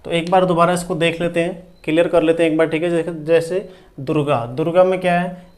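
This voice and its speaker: Male shorthand tutor, raised pitch, patient, repeats each word. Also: steady tone. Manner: repeats each word slowly, checks in with "ठीक है". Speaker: shorthand teacher. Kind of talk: classroom lesson.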